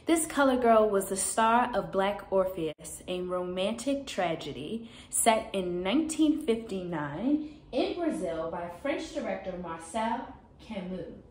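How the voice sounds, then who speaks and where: Slow, deliberate young woman narrator. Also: mid-range voice, lively intonation. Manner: warm, admiring, deliberate delivery. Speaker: host. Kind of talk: scripted narration. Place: indoors in front of a green backdrop. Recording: echoey room with faint noise.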